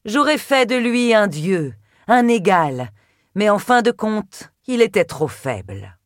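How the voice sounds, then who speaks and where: A woman's voice: medium pitch, very animated, slow, no room sound, clean studio sound. A woman voicing a proud, cold, furious goddess in an audiobook, speaking in a cutting, imperious way. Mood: scornful. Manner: cutting, imperious, spits words. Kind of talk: audiobook character voice.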